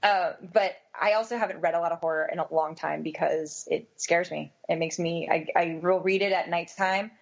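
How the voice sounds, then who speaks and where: A woman's voice: lowish voice, fairly even intonation, normal speed, creaky, hardly any pauses. A woman co-hosting a podcast, chatting casually and telling rambling, self-mocking stories. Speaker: podcast co-host. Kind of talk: casual chat. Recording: dull lo-fi sound.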